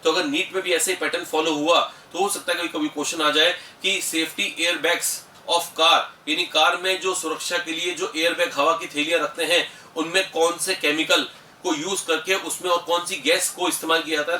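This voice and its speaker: A man's voice: a little high, sharp tone, slight background noise. Man, Indian accent, chemistry teacher, explanatory lecture, echoey room, distant mic. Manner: explanatory, addresses students as beta, mixes English terms. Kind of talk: classroom lecture.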